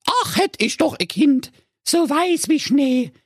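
A man voicing a sweet, dreamy woman pediatrician in a high, sing-song falsetto. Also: animated, slow, no room sound, studio quality, exaggerated voice. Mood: wistful.

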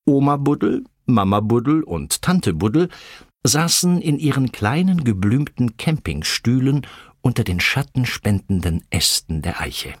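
A man narrating a children's animal story with expressive storytelling. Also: a little slow, breathy edge, dry recording, studio quality. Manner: expressive storytelling with lively pitch.

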